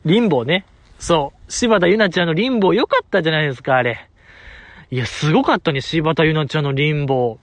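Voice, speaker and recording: Higher-voiced man hosting a solo chat. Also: fast, no room sound. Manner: joking, self-mocking, chatty. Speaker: podcast host.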